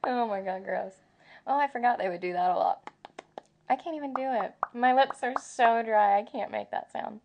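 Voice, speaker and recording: A young woman co-hosting a travel podcast, chatting casually, giggly and animated, swearing freely. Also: on the high side, normal speed, gravelly, dull audio, slight background noise. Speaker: podcast co-host.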